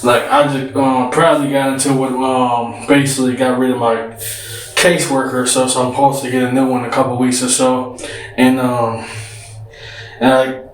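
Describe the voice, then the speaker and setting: A man's voice: medium pitch, little pitch movement, normal speed, soft background music. Man vlogger, winded, rambling casual talk, roomy distant recording with faint background noise. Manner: rambling, frequent "you know what I'm saying". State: out of breath.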